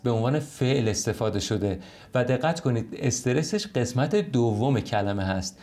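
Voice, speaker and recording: Male language teacher at home. Patient explainer who slows right down for the English examples, with a mid-range voice. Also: mid-range voice, darkish tone. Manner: explains in Persian, reads English examples slowly and carefully. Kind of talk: online language lesson. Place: home recording.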